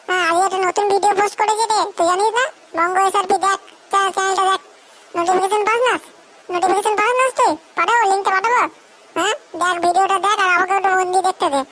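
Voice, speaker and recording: A woman's voice: extremely high pitch, fairly bright tone. A woman voicing an impatient young girlfriend who brushes off and scolds her boyfriend in a comedy sketch. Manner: brusque, scolding, rapid retorts.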